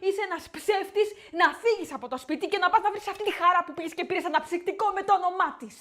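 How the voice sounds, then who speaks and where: A woman's voice: very high-pitched, fairly bright tone. A woman playing a jealous partner who dramatically accuses her partner of cheating. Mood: accusing.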